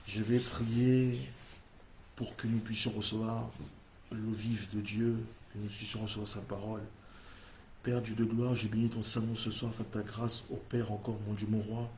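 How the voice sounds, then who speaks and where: A man's voice: lowish voice, darkish tone, a little hiss or hum. A man with an English-speaking accent hosting a church livestream, leading a fervent, repetitive prayer in French. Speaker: church host.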